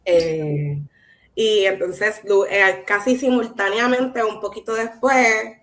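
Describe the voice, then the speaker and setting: A woman's voice: mid-range voice, slow pace, fairly bright tone. A woman with a Puerto Rican Caribbean Spanish accent speaking reflectively in a conversational artist talk, often checking in with little tag questions. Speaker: visual artist, guest speaker.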